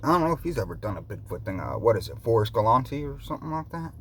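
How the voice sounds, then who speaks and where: A man's voice: mid-range voice, big pitch swings, racing. A man chatting casually to viewers in a loose, rambling way, often repeating himself. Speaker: vlogger. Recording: noticeable background noise.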